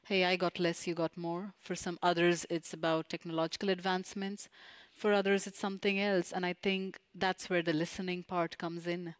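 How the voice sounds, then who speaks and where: A woman on a panel, sharing a calm and reflective view. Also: lowish voice, moderate pace, few pauses, dry recording.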